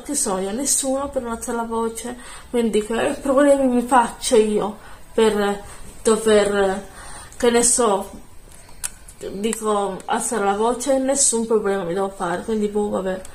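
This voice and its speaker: A woman chatting casually into her phone camera at home, soft-spoken and rambling, often correcting herself. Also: mid-range voice, fairly even intonation, a little slow, echoey room. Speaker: beauty vlogger. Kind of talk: casual vlog chat.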